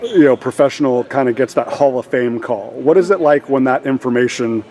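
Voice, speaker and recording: A man conducting a sports interview, piling up praise and stumbling through long, winding questions. His pitch sits in the middle range. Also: a little fast, warm tone. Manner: rambling, many fillers and restarts, effusive. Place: gym after a game.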